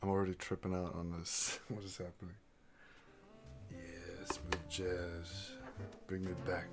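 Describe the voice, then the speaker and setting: Low-voiced man doing game commentary. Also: level tone, unhurried, creaky, over loud music. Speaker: gaming streamer. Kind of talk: casual let's play commentary.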